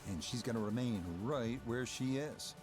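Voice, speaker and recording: A man working as lead golf commentator in a video game, calling play in a measured broadcast manner. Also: mid-range voice, lightly acted. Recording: music and crowd behind voice. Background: music, crowd.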